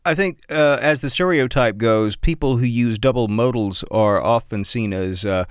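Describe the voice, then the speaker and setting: A man's voice: medium pitch, moderate pace, smooth, dry recording, clean studio sound. A man hosting a public radio program, interviewing a guest in an easygoing, conversational way. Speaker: radio show host. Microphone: studio microphone.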